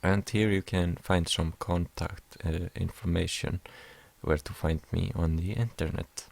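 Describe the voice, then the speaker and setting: A man's voice: low-pitched, fairly even intonation, a little slow, vocal fry, darkish tone. A young man from Iceland, hesitantly explaining a class assignment over slides, with many fillers. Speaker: music production student.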